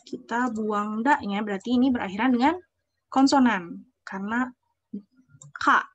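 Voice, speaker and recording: A woman's voice: on the high side, unhurried, fairly bright tone, muffled recording. A young woman teaching a language class over a video call. She explains step by step, checks often whether students follow, and reads out example phrases. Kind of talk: online class lesson.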